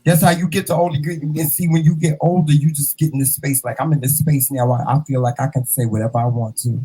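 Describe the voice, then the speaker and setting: A man in his fifties hosting a casual interview, animated and playful, calling his guest "child" and "honey". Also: fairly high pitch, quick pace, husky, rough recording. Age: 50s. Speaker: host.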